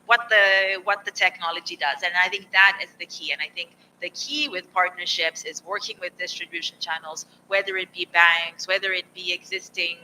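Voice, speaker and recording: A man speaking on a panel discussion in a measured, explanatory way. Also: high voice, fairly even intonation, sharp tone, recorded from a distance, slight background noise, low-quality recording.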